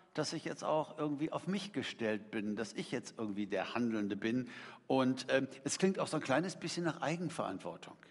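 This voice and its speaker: Emphatic preacher in a reverberant hall. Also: male voice, fairly high pitch, a bit bright. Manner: conversational, emphatic, rhetorical questions to the congregation. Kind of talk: sermon. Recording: long reverb of a large hall.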